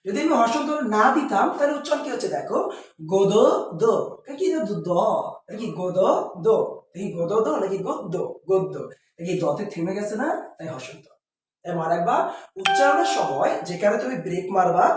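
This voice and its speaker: A male teacher explaining pronunciation rules step by step, asking questions and answering them himself. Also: very high-pitched. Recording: very echoey room with faint noise.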